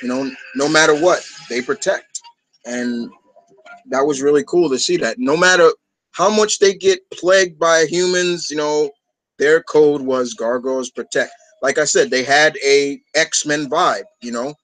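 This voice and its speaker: A man's voice: on the high side, a little slow, a bit bright, dry recording, low-quality recording. A man from New York hosting a fan discussion, chatting casually in a rambling, enthusiastic way. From New York, United States. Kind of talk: casual chat.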